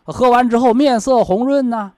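On a radio programme, a health expert with a Northeastern Chinese accent advises a caller in a folksy, colloquial way, repeating himself and leaning on homely analogies. His voice is very high-pitched and mellow at normal speed, captured as clean studio sound with no echo.

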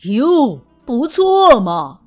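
A woman's voice: high-pitched, sing-song, a little slow, faint music behind, pitched below the performer's own voice, full character voice. A woman voicing a big, bossy male tiger in a drawling, lordly manner.

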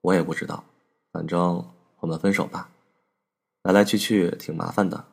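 A distant young man who brushes off every question in flat, clipped words, as a male storyteller puts him on. His voice sits deep and subdued, with a gravelly edge. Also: normal speed, exaggerated voice. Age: young adult. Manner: curt, flat, dismissive. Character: cold, irritable young man ending a relationship.

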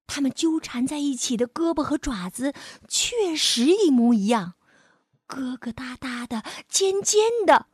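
Woman telling a bedtime story to kids, slow, very expressive, breathy, dry sound. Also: sits high, no room sound. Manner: gentle and expressive, addresses the listener as "baby". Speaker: children's storyteller. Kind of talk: bedtime story narration for children.

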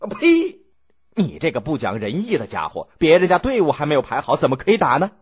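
A man's voice: deep voice, expressive, unhurried, voice pushed down. A man playing a pompous old duke. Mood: indignant. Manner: pompous, lecturing. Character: old stubborn self-righteous male duke.

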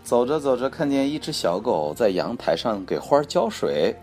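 Very low-voiced woman reading a story. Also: sing-song, moderate pace, darkish tone. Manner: patient, coaxing, prompting questions. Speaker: parent reading to a child. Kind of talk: bedtime story reading with a child. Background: faint music.

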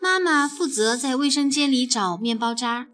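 A woman narrating a children's story in an expressive, animated way. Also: high voice, moderate pace, faint music behind.

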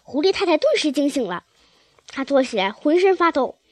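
A woman's voice: high voice, sing-song, moderate pace, dry recording. A woman reading a children's storybook aloud, with occasional slips and restarts.

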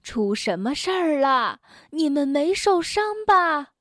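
A woman voicing an old grandmother bear who is kind and worried, speaking slowly, softly and with care. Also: on the high side, expressive, dry recording, studio quality. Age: older.

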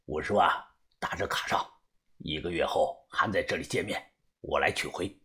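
A man voicing a tall middle-aged male smuggler who gives curt, secretive instructions in a low, hushed voice. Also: normal speed, slightly rough, exaggerated voice. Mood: stern.

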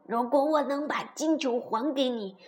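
A woman voicing a small, sly male frog who croaks between his pleading phrases in a storybook. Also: high voice, moderate pace, a little mellow, close to an everyday voice. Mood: coaxing.

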